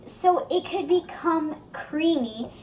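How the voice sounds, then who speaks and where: A child co-hosts a casual cooking video in a home kitchen, speaking slowly in a very high-pitched, expressive voice. The room has a roomy echo and background noise.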